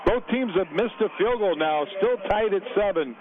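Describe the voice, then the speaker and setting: A radio play-by-play announcer with a high voice calls a college football game from a stadium press box, brisk on the plays and relaxed when chatting with guests in the booth. Crowd noise is audible, and the broadcast sounds narrow and phone-like.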